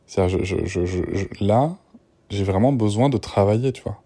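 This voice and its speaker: A man's voice: lowish voice, normal speed, dark tone. A young man, worn out, rambling through a casual voice memo with many restarts. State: exhausted. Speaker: father recording voice diary.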